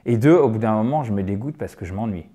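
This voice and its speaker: A man teaching a relaxed online lesson, checking in often with a quick "ok?" and repeating key words slowly for drill. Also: on the low side. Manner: frequent "ok?" check-ins. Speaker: English teacher.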